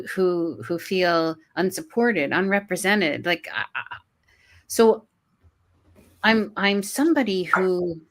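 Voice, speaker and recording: The guest, a college professor, has a lowish and somewhat bright voice. She talks earnestly in a conversational interview, restarting her words often and laughing here and there.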